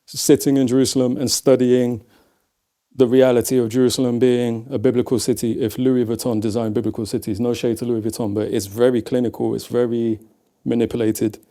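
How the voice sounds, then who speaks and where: Gravelly, mellow English man from Leicester. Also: medium pitch, flat delivery, a little fast. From England. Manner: reflective, storytelling, says "man" often. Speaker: guest. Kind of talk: casual conversation.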